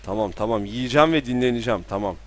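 A young man streams a game from a room at home, his voice sitting at an ordinary middle pitch. He chats to himself in a loose, joking way and breaks into loud, panicked yelling when something startles him. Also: fast talker. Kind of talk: live gameplay commentary. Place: room at home with balcony door open.

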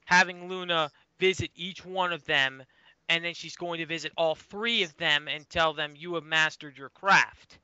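A man's voice: a little high, normal speed, pushed and bright, smooth, dry recording, dull audio. A man from Rhode Island with a Boston-like southern New England accent, chatting casually as a podcast co-host. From Rhode Island, USA. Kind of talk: casual fan podcast chat.

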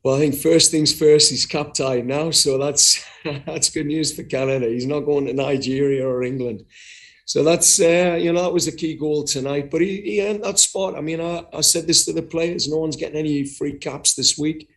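Indoors before a sponsor backdrop, a middle-aged man fields post-match press conference questions as head coach via video call. His voice runs on the high side and a bit bright, steady in tone and moderate in pace, and he speaks frankly, often repeating words as he thinks.

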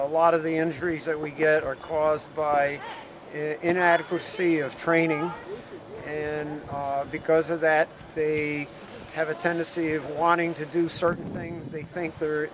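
An older man working ski patrol speaks in a measured, halting way with frequent fillers. His voice is a bit high. Heavy wind noise covers the outdoor recording. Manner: measured, hesitant with many fillers. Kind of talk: news interview.

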